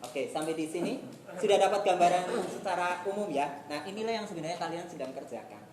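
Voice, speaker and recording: A woman's voice: on the low side, expressive, quick pace, a crowd in the background. Chatty woman teacher in an echoey room. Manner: chatty, acts out little scenes with peers. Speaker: youth teacher. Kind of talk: casual classroom teaching. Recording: echoey room with faint noise.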